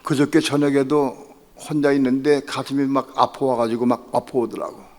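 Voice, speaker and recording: A male pastor at mid pitch, preaching in a church sanctuary where his voice trails off in a long reverb. He talks in a plain, conversational way and repeats his phrases. When he retells his own prayers, his voice climbs into pleading intensity. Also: fairly even intonation, normal speed, darkish tone. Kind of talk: sermon.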